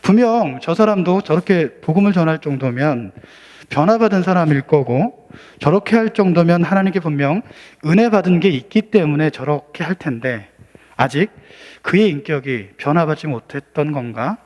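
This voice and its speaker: A male pastor leading a prayer and preaching in a measured, pausing way that rises to earnest questions. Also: fairly high pitch, expressive, a little mellow. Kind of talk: sermon and prayer.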